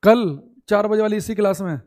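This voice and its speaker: A male teacher giving a live online class, repeating key points slowly for students to write down and calling them brother. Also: high-pitched, a little mellow. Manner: scolding and exasperated about audio complaints.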